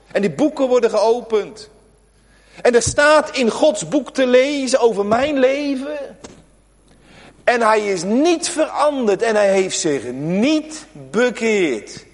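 A man preaching a sermon as pastor, swinging between loud emphatic calls and quiet asides. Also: sits high. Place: church. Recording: reverberant church hall.

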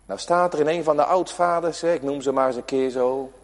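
A man preaches from the pulpit, his voice sitting high for a man and ringing with long reverb through the church hall. He moves from loud, emphatic calls to quiet, confiding asides, drawing out key words for weight. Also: fairly quick. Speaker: pastor. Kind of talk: sermon.

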